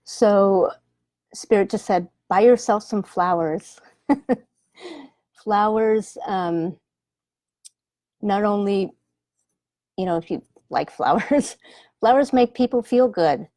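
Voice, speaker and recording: A woman in her forties, a medium on a live stream, speaking gently with many pauses and ums. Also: medium pitch, no room sound, clean studio sound. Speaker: animal communicator and medium. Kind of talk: live-stream chat with viewers. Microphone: webcam or phone livestream.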